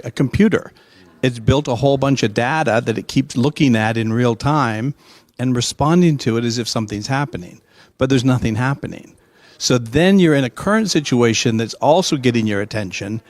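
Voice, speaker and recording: A middle-aged man explaining his ideas as a guest in a conversational interview, emphatic and animated, acting out bits of dialogue. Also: mid-range voice, no room sound. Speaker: guest expert.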